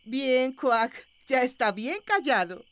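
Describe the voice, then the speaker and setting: A woman's voice: high voice, expressive, slow, fairly bright tone, no room sound, full character voice. A woman playing a storybook narrator in a children's cartoon, talking to the character. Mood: explanatory.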